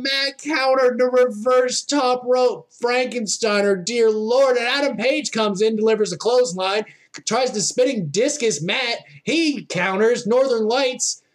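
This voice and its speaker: A man calling wrestling play-by-play as an excitable commentator, exclaiming at big moves with informal, fan-like reactions. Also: high-pitched.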